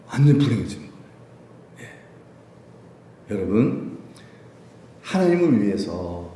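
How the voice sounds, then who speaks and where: A man preaching a Sunday sermon in an animated way, laughing often and asking the congregation questions, in a church sanctuary. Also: medium pitch. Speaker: pastor. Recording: very echoey church hall.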